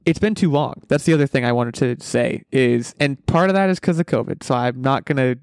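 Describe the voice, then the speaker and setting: A man's voice: mid-range voice, a little fast, clean tone, no echo, studio quality. A man hosting a casual pop culture podcast, speaking in an opinionated, emphatic way and often restarting his sentences. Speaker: podcast host. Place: basement room at home.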